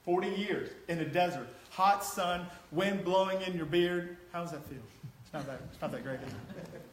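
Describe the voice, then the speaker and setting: Preaching at a moderate pace in a high-pitched voice, a pastor banters conversationally with his congregation, then builds to a passionate exhortation. It's recorded in an echoey church sanctuary.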